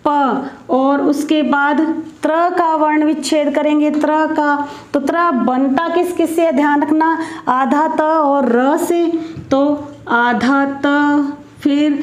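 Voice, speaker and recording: A high-voiced woman teacher explains a grammar lesson at an unhurried pace, asking her pupils questions as she goes. Her voice rings in a noticeably echoey room. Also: steady tone.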